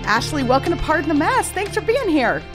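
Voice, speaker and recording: A woman's voice: high voice, very animated, a little fast, loud music behind the voice. A woman in her late forties hosting a podcast in a casual, chatty interview style, with a head cold in her voice. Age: late 40s. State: has a cold. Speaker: podcast host.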